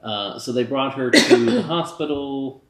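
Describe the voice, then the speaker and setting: A man's voice: medium pitch, measured pace, a bit bright. A man reviewing a movie in casual banter, talking in a loose, rambling, tipsy way. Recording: roomy, echoey sound.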